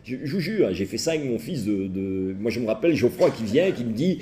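Middle-aged man, mellow voice, telling jokes. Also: medium pitch, a little fast. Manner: lively storytelling, mimics characters' voices. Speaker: therapist giving a talk. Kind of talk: humorous lecture with acted anecdotes.

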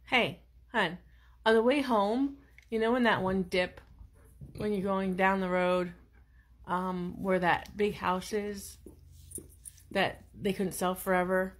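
Woman, mid-pitched and unhurried, casual teasing storyteller with an amused delivery. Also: fairly even intonation.

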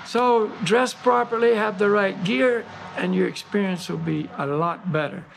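A man with a high-pitched, gravelly voice walks through his mountain gear in a casual demonstration. He talks in a folksy, emphatic way, leaning on "you know" and repeating key words for weight, with a faint hiss of noise behind him. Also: a little slow. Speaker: host of a mountain gear show.

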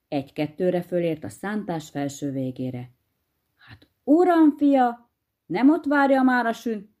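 Expressive woman telling a fairy tale. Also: lowish voice. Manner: lively, expressive storytelling. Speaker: storyteller.

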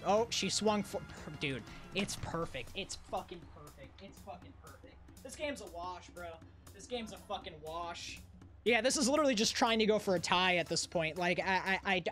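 A woman's voice: lowish voice, normal speed, fairly bright tone. A young woman commentating on her gameplay as an exasperated raging gamer, ranting and swearing heavily. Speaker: gaming streamer. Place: indoor room at home. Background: faint video game music.

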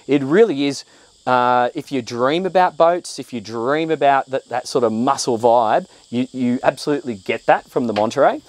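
Australian man, thirties, chatty boat walkthrough, mid-pitched voice, dry close lapel mic, outdoors. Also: no echo. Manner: enthusiastic, chatty, with frequent fillers and restarts. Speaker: boat reviewer. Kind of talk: walkthrough presentation. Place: outdoors on a boat on a calm waterway.

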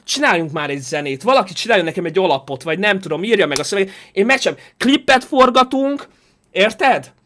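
Male streamer with a high voice, animated and jokey, reads the chat aloud. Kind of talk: casual live-stream chat.

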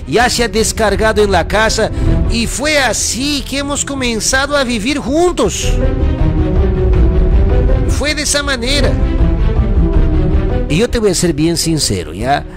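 A man's voice: sits high, lively intonation, moderate pace, pauses often, loud music behind the voice. A young man telling his own story casually, repeating himself and often asking the listener "you know?". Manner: repetitive, restarts, keeps asking "you know?". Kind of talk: casual first-person storytelling.

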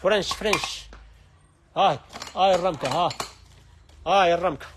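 A man with an Algerian accent running a live sales stream from a household goods shop, with rapid, repetitive calls to look at the wares. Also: high voice, noisy background. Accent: Algerian Arabic.

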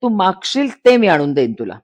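A woman voicing a short-tempered young husband who turns gentle and coaxing, in a dramatized story reading. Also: lowish voice, sing-song, fairly quick. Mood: tender. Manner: sulky and curt, later gentle and coaxing.

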